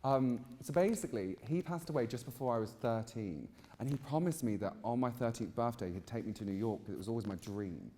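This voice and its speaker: A man's voice: medium pitch, animated, brisk, hardly any pauses, mellow. A British man in his mid twenties with a chatty, campy, gushing manner, telling personal stories casually as an interview guest. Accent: British English. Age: mid 20s. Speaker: interviewed guest, drag queen gardener. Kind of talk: casual personal storytelling on stage. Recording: reverberant hall, live event sound.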